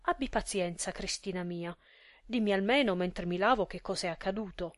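A woman's voice: medium pitch, normal speed, no echo, studio quality, natural voice. A woman reading aloud voices a meek, bewildered middle-aged husband who speaks mildly and hesitantly. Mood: placating. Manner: mild, hesitant, placating.

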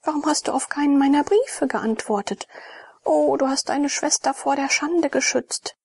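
A woman's voice: medium pitch, expressive, moderate pace, breathy edge, no room sound. A woman voicing an eager, devout young sister, half-whispered in a raised voice as part of an audiobook reading.

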